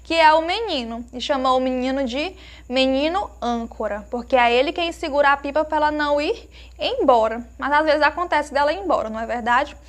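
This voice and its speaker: A woman teacher giving a lesson to young children, asking them questions and slowly sounding out each word she explains. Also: high-pitched. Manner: slow emphatic sounding-out of words; warm diminutives, asks pupils questions.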